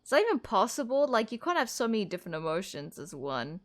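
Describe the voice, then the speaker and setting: Quick and very animated, this fairly high-pitched young woman giggles her way through casual let's-play commentary on a game. She's chatty and fills her talk with "like."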